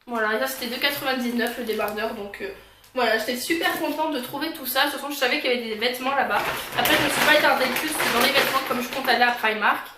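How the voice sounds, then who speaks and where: A woman's voice: sits high, fast. A woman vlogger casually showing and describing her purchases in a chatty way, her speech slightly impeded by a new tongue piercing. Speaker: vlogger presenting a shopping haul. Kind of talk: casual chatty product show-and-tell. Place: indoors, in a bedroom. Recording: echoey room with faint background noise.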